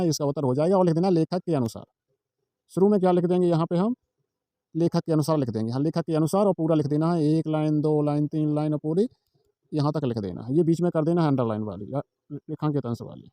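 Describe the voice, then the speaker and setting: A man's voice: a little high, fast, warm tone, no echo, studio quality. A man giving an informal exam-prep tutorial. He repeats himself, asks his own questions and answers them, and points along a page line by line. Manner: walks through a page, pointing at lines.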